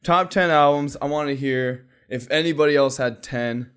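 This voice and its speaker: A man's voice: fairly high pitch, moderate pace, fairly bright tone, smooth. A man hosting a casual podcast, steering the chat between friends. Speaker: podcast host.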